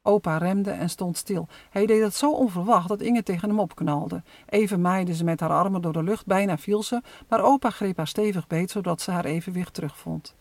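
Brief: calm storyteller, mid pitch, close dry mic, steady children's story narration. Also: moderate pace, few pauses, no echo.

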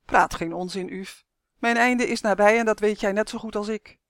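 A woman's voice: medium pitch, steady tone, normal speed, no room sound, clean studio sound, close to an everyday voice. A woman voicing a young boy turned into a turtle, worried and pleading, in a storybook reading. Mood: gloomy.

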